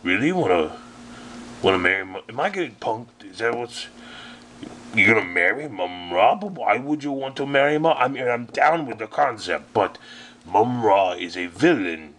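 A man voicing a vain, scheming male mummy sorcerer villain in a toy figure parody play, with a slow, deep, mock-menacing drawl. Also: animated, fairly bright tone, slight background noise. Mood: puzzled.

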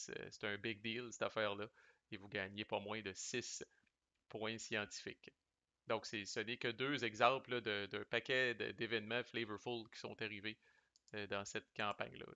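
A man's voice: on the low side, flat delivery, normal speed, sharp tone, no echo. A man with a Québécois French accent talks through board game cards in a chatty, loose way. He drops in English game terms and salty slang. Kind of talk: casual explanatory commentary.

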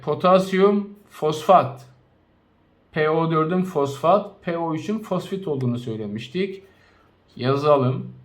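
Teacher drawing out compound names slowly. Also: male voice, on the high side. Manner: slow, spelled-out naming of compounds with frequent recaps; addresses students directly. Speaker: chemistry teacher. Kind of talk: recorded classroom lesson.

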